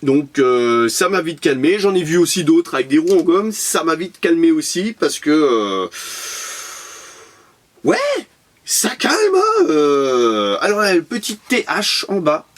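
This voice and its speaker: A man from France talks through his collection in a relaxed vlog, his voice sitting a touch higher than most men's. He rambles, repeats words and jokes about himself as he goes. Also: moderate pace, few pauses. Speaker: collector presenting his purchases. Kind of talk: casual unboxing vlog.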